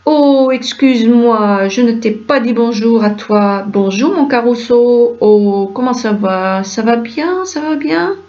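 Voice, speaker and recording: Woman reading a play aloud, all roles, higher voice, brisk through the dialogue, dull lo-fi sound. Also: darkish tone. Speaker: reader of a play script. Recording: dull lo-fi recording.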